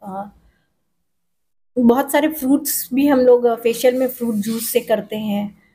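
A middle-aged woman salon owner answering interview questions in a salon, pausing often with fillers. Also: on the high side, mellow. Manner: hesitant, with many pauses and fillers. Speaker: salon owner and makeup artist. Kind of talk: on-camera interview. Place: indoor salon with tiled walls. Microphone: handheld reporter mic.

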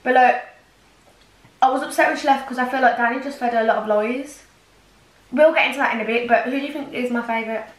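A woman's voice: fairly high pitch, fast talker, pauses often. A young woman co-hosting a casual eating vlog, chatting in a rambling way full of fillers. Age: young adult. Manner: rambling, filler-heavy, giggly. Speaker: vlog co-host. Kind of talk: casual chat. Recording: echoey room, distant mic.

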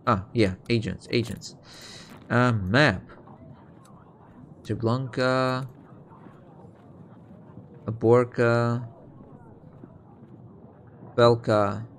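Slow-paced man playing a video game. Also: medium pitch, fairly even intonation, a little hiss or hum. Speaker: video game player and commentator. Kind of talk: casual let's-play commentary, reading on-screen text.

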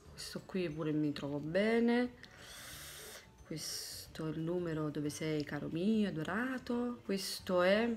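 A woman in her thirties from Italy chatting casually to a phone camera about her makeup, thinking aloud and slipping into low asides. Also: noisy background. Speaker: beauty vlogger. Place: small indoor room at home. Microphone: phone camera close up.

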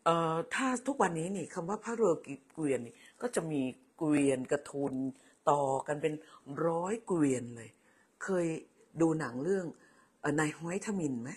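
An older woman hosts a relaxed livestream, her voice slightly husky and her pitch rising and falling with lively swings. She chats in a motherly way, calling her viewers "child" and thanking each one by name. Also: normal speed. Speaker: livestream host. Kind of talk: casual livestream chat.

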